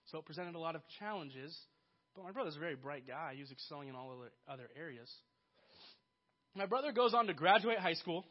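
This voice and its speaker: Earnest high-voiced male preacher. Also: dull audio. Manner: earnest, builds to emphatic peaks then drops soft. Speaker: pastor. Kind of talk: sermon.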